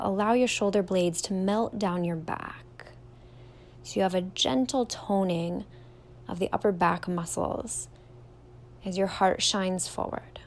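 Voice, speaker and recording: Gentle woman guiding a meditation. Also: medium pitch, a little hiss or hum. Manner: slow, gentle, soothing guidance with soft drawn-out words. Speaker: yoga teacher. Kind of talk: guided meditation instruction.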